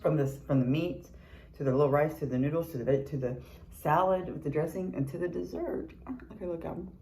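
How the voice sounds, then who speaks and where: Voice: medium pitch, fast, mellow, slight background noise, rough recording. A mukbang vlogger in a casual eating video, chatting between bites with lots of chewing murmurs and candid, sweary remarks.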